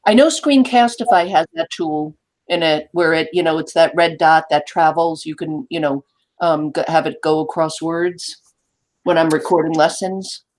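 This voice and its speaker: A woman's voice: low-pitched, normal speed, darkish tone. A woman teacher chatting casually on a video call.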